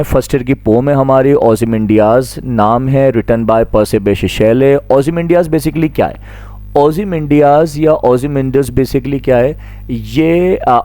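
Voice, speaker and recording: A man's voice: mid-range voice, dark tone, dry recording. A man giving a classroom lecture that explains a poem. He is patient, repeats his points, and asks questions that he then answers himself. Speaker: teacher.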